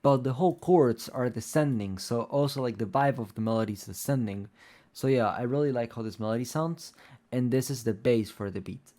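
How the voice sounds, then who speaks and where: Fairly quick and warm, the mid-range voice belongs to a young Spanish-native music producer giving a loose, rambling tutorial. He fills it with plenty of "like" and "um."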